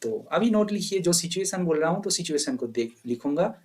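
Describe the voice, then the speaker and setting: A man's voice: a little high, animated, brisk, a little mellow. A man teaching a maths lecture, asking questions and answering them himself, mixing in English terms. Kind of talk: lecture to exam students.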